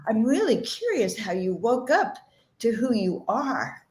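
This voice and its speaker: A woman's voice: on the high side, sing-song, a little slow, a little mellow. Woman, interview host, curious and questioning, roomy echoey sound. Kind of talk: interview conversation.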